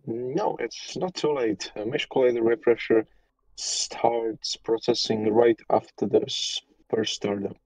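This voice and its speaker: A man explaining a software tool on an online call, talking hesitantly with restarts, heard through lo-fi audio over a weak connection. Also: mid-range voice, measured pace, dry recording. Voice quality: hesitant, with many restarts and fillers. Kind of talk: casual technical explanation on a call.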